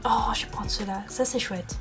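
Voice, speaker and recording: Young female vlogger, playful and self-deprecating, slightly high voice, casual chat from her bedroom. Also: normal speed, music in the background. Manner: chatty, self-mocking, playful. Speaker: YouTuber.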